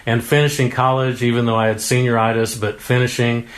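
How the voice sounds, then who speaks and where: A man's voice: medium pitch, little pitch movement, fairly quick. Man, political candidate, folksy, earnest, interview answers. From Oklahoma. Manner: folksy and earnest, with homespun exclamations. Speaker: congressional candidate.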